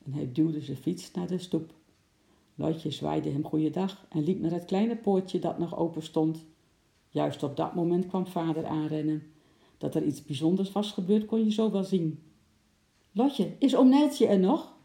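A narrator reads a children's story in a lively, animated way. The voice is dark and gravelly. It is recorded in a roomy, echoing space. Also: medium pitch, normal speed. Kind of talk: children's audiobook reading. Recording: roomy echo.

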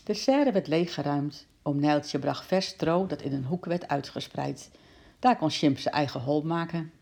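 Low, gravelly woman reading a children's story. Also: measured pace, a little mellow. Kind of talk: reading a children's book aloud.

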